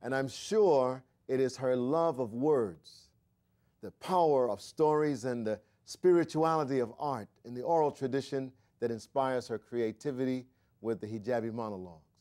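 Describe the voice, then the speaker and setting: A male talk show host with a middle-pitched voice. He speaks in a measured way, with small hesitations between phrases as he introduces his guests. He sounds like he is in a studio. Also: mellow. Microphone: studio microphone.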